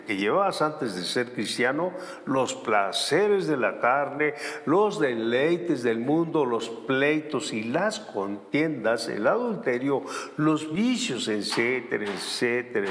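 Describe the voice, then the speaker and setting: A man preaching a sermon, animated and given to sarcastic asides. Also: medium pitch, long reverb tail.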